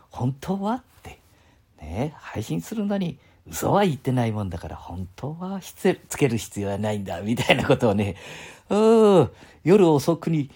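A man's voice: mid-range voice, mellow, breathy edge. A man in his seventies with a Mikawa dialect, chatting casually and rambling on a live stream from his home, often chuckling. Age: 70s. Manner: rambling, chuckling, talks to himself.

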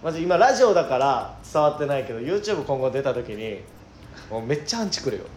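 A man co-hosting a comedy radio talk, teasing his partner with quick retorts. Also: mid-range voice, big pitch swings, roomy sound, slight background noise. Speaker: comedy duo member, radio co-host. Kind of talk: casual comedy banter.

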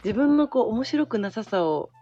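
A woman host who mostly listens, giving steady quiet nods and laughs. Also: a little high, normal speed, highs cut off, faint music behind. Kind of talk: casual chat.

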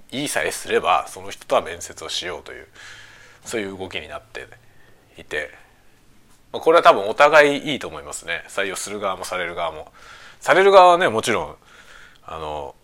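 A middle-aged man chatting casually on a lunch-break stream, rambling in colloquial phrases with drawn-out tags at the ends. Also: lowish voice, fairly bright tone. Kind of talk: casual lunch-break chat while preparing food.

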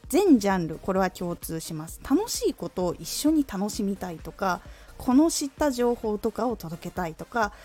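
A woman, a former voice actress, talking through speaking tips on her own radio show in a clear, careful, teacherly way. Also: medium pitch, dark tone. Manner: clear, careful teacherly delivery with deliberate demonstrations. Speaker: voice-training radio host. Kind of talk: scripted tips talk.

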